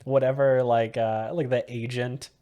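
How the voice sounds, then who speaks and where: A man in relaxed podcast banter, summing up a film scene by scene. He keeps breaking into giggles in the middle of his sentences. He sounds loose and amused throughout. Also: mid-range voice, a little slow. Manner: giggly, laughs often mid-sentence. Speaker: podcast co-host. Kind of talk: casual movie-review chat.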